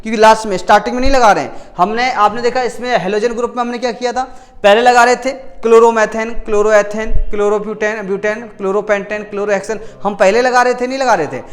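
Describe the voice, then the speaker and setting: Guy teacher with a pretty high voice, goes over chemistry terms, keeps asking "what do we add?" and answering it himself. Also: steady tone, fast. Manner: asks and answers his own questions, repeats key words; frequent self-corrections. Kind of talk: classroom chemistry lesson.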